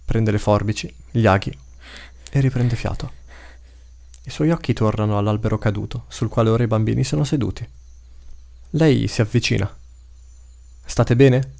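A man narrates a fantasy tale in a measured, dramatic storybook style. His voice sits low, with a gravelly, creaky texture. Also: darkish tone.

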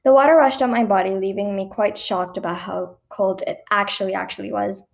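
A woman reading her own personal story aloud in a lively, expressive way, with a few small stumbles. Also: medium pitch, a little fast, gravelly.

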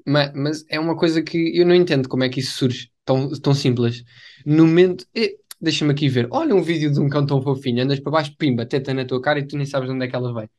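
A young adult man co-hosts a podcast in casual chat, speaking quickly in a slightly high, somewhat mellow voice. He uses slang and repeats himself for emphasis.

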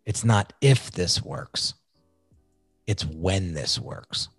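A man talking as a podcast guest, telling his own story in an animated, excitable way. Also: deep voice, extremely slow, breathy edge, no room sound, soft background music. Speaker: podcast guest, design agency founder. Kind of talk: casual storytelling interview.

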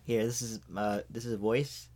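A man's voice: on the low side, little pitch movement, moderate pace, darkish tone. A young man co-hosting a casual chat, teasing and laid-back. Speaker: podcast co-host.

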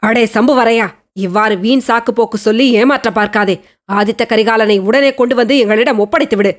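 A woman's voice: fairly high pitch, fairly even intonation, fairly quick, lightly acted. A woman reading the part of an angry old chieftain who roars threats and demands his grandson. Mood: furious. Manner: commanding, thunderous demands.

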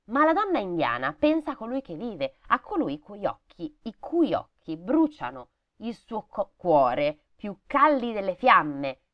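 A woman's voice: medium pitch, very animated, measured pace, hardly any pauses, lo-fi sound. Sarcastic woman reading a fairy tale. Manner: sarcastic, swears freely, breaks off to comment. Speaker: storybook reader.

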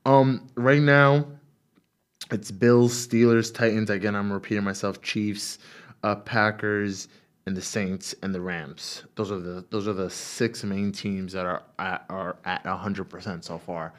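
A man's voice: fairly low pitch, fairly even intonation, unhurried. A man talking football casually, running through teams and odds in a rambling way and often repeating himself. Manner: rambling, repeats himself, breaks down stats and picks. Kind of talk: casual sports chat.

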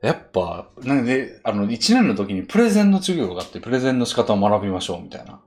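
A man's voice: mid-range voice, very animated, quick pace, a little mellow. A man with a Kansai accent hosting a casual chat podcast, enthusiastic and laughing often. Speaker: podcast host.

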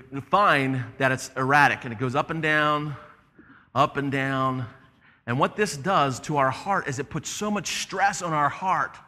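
A man preaching a sermon as pastor, animated and conversational, acting out the voices in the story he tells. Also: a little high, big-room sound.

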